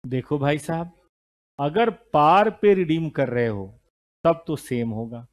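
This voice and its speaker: A middle-aged man teaching an accounting lesson to a classroom of students, lively and scolding now and then. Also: on the high side, slow. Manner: lively, scolding students, mixes Hindi and English terms. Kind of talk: classroom lecture.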